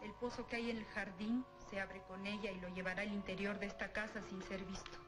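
Actress as a haunted countess over prominent music. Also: female voice, medium pitch, flat delivery, fairly quick, lightly acted. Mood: weak, urgent. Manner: formal, melodramatic. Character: weak, fearful noble countess, haunted and dramatic. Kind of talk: 1960s gothic horror film acting. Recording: old film soundtrack.

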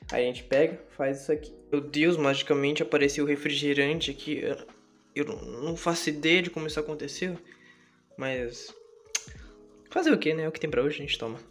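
A young Brazilian man filming a casual house tour on a handheld phone, joking and self-mocking, swinging between low mutters and loud outbursts. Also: fairly even intonation, normal speed, pauses often. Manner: playful, self-mocking, drops to mutters then shouts. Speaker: YouTuber giving a house tour. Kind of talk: casual vlog, joking to the viewers. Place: home kitchen and bedroom, indoors. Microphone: handheld phone camera. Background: lo-fi music playing.

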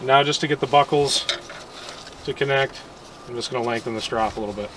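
Out in the snow near a vehicle, a young man who makes gear walks through a relaxed, practical demo of his product, halting and resuming as he works. He speaks in a mid-range voice. The audio is distant, captured by a camera mic a few steps away amid ambient noise.

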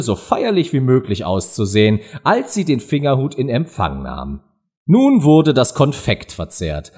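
A man reading a children's classic aloud as an audiobook, expressive and lively. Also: mid-range voice, breathy edge. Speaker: audiobook reader. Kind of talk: storybook narration.

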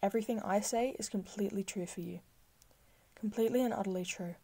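A woman slowly guiding a listener into trance with soft, soothing, repetitive phrasing, sometimes dropping to a breathy whisper. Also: medium pitch. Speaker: hypnosis guide. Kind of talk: slow guided hypnosis script.

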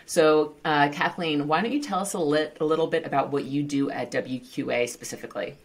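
A woman with a strikingly deep voice hosts a podcast interview. She chats in a bubbly, joking way and laughs off her own stumbles. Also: fairly quick. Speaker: podcast host. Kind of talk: casual interview chat.

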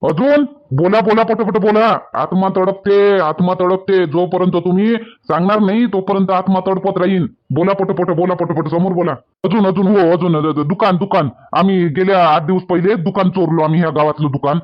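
A man's voice: high-pitched, steady tone, a little fast. Emphatic Varhadi man in village comedy. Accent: Varhadi Marathi. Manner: emphatic and repetitive, pleading. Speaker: comedy sketch actor. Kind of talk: rustic village comedy sketch. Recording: dull lo-fi sound.

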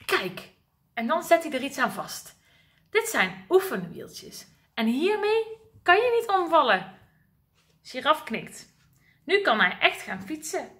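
A woman's voice: high voice, very animated, takes it slowly, long pauses, pushed and bright. A woman teacher reading a picture book aloud to young children, sing-song and asking them questions.

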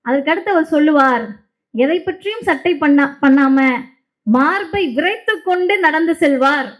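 Very high-voiced woman giving a speech. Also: lively intonation, moderate pace, poor audio. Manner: impassioned, emphatic oratory with repetitions. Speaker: public speaker. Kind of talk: stage speech.

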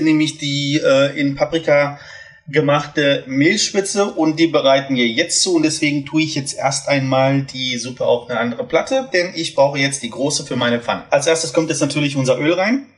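Male cooking vlogger, a bit higher pitched, casual and talkative, pan sizzling behind. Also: moderate pace. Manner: chatty, explains steps while cooking. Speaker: cooking channel host. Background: food sizzling in a pan.

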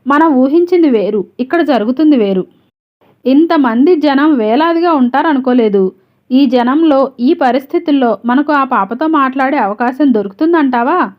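A woman's voice: high-pitched, expressive, normal speed. A woman reading the lines of a worried young man who reasons earnestly with his friend, in a dull lo-fi recording. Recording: dull lo-fi audio.

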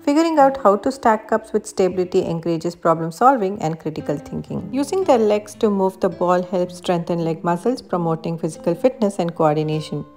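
A woman's voice: on the low side, brisk, few pauses. A woman reading a scripted voice-over that explains activities step by step. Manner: even, explanatory reading of benefits. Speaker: narrator of a parenting activity video. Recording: voice-over with faint guitar music.

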